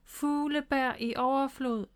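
A woman reading aloud and voicing a young male animal who casts spells with a magic wand, brisk and helpful. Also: on the high side, animated, natural voice. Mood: spellcasting.

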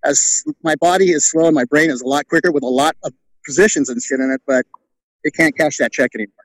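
Fast-talking middle-aged man, rambling stories. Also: on the high side, no room sound, rough recording. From California. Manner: rambling, lots of "you know", acts out quotes. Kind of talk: casual storytelling interview.

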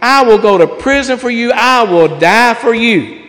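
A hoarse man voicing a proud, boastful male apostle vowing loyalty in a sermon. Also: very high-pitched, lively intonation, measured pace, fairly bright tone, big-room sound, voice pushed up, full character voice. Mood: earnest vow.

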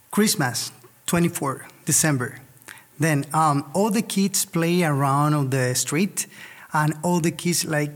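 A man from Colombia, a native Spanish speaker with a Colombian accent, chatting about church and home in halting English and searching for words. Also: on the high side. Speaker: Spanish worship director at a church. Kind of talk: casual interview chat.

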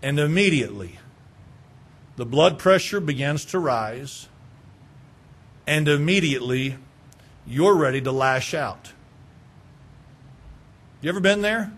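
A man pastor preaching a sermon, asking the listeners rhetorical questions and repeating words as he builds each point, moving between hushed lines and raised ones. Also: a little high, lively intonation, slow pace, pauses often.

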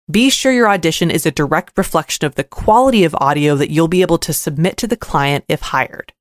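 Female advice podcaster, slightly low pitch, upbeat and neatly organized scripted delivery, very dry studio sound. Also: dry recording. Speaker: podcast host and voice actor.

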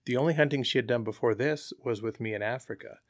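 A man's voice: mid-range voice, fast talker, no room sound. Chatty man, dry close sound. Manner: relaxed, chatty, with frequent fillers. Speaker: hunter, interview guest. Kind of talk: casual storytelling.

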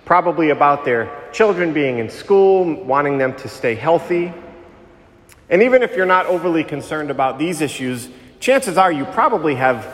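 A male priest delivers liturgical reading and preaching in a solemn, measured voice of middle pitch. His phrasing is deliberate, and a long cathedral echo trails his words through a large church. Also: fairly bright tone. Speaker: priest giving Gospel reading and homily. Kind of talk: liturgical scripture reading and sermon.

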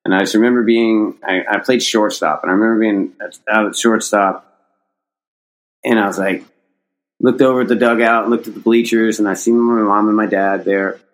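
Low-voiced man telling a rambling story. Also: steady tone, moderate pace, poor audio. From United States. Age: middle-aged. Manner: rambling, many restarts, swears casually. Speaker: podcast guest, skateboarder. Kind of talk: casual storytelling.

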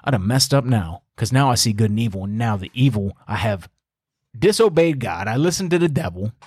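A man's voice: medium pitch, lively intonation, brisk, darkish tone, breathy edge, no room sound, studio quality. A man voicing a remorseful first man with a folksy, drawling delivery. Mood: rueful.

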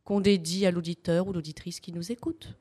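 A woman's voice: fairly low pitch, fairly even intonation, fairly quick, mellow. A woman, a guest who talks plainly and easily about her writing. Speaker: guest, writer and voice of erotic audio stories. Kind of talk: casual chat.

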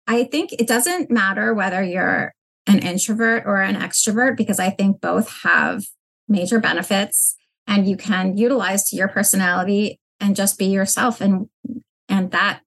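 Earnest woman guest with gravelly voice. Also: mid-range voice, fairly even intonation, moderate pace, fairly bright tone. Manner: earnest, reflective. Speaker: guest, business founder. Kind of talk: interview answers.

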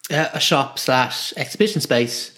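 An Irish man in a casual interview as a guest artist, explaining his work in a halting, repetitive way. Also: mid-range voice, expressive, sharp tone. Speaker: guest artist and screen printer.

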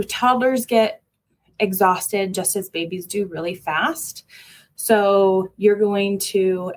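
A woman speaking as a parenting educator in a relaxed, conversational way. Her talk is informal, with frequent ums and restarts. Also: medium pitch.

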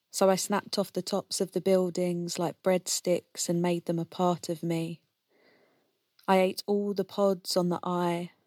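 A woman's voice: lowish voice, no room sound, clean studio sound. A woman reading her own narrative poem. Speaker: poet. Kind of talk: poetry reading.

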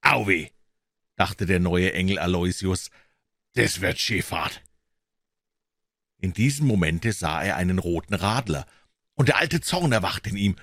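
A man narrating a comic classic story in a lively, expressive reading. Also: sits low, normal speed, no echo, clean studio sound.

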